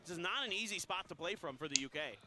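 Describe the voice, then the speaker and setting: High-voiced male esports caster, noisy feed. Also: fast. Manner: energetic, rising when action heats up. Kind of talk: play-by-play commentary.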